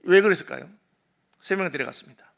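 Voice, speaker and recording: A man preaching a Sunday sermon as pastor, telling a Bible story and out the wailing crowd in lively voices. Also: high voice, fast talker, vocal fry. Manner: animated storytelling, acting out crowd and mourners. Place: church sanctuary.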